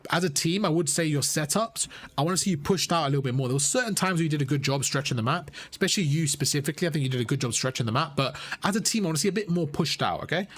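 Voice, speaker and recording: A young man with a fairly high, bright, expressive voice talks at a rapid-fire clip, coaching players while chatting with his live-stream viewers. He's casual and chatty, repeating phrases and calling chat "bro," and his voice sounds strained from all the talking.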